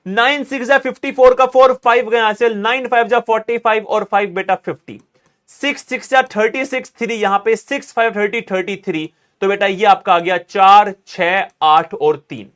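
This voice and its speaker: A man's voice: high voice, fairly even intonation, fairly quick, fairly bright tone. A man teaching a chemistry class, mixing phrases into his explanation, calling students "beta" and urging them to make some noise. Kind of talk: classroom lecture.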